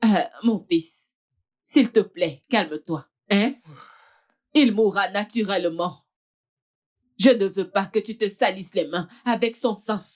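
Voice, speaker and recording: A woman playing a worried mother in a French film dub, pleading with her grown children to stay calm. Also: mid-range voice, unhurried, long pauses, close to an everyday voice. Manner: pleading, soothing.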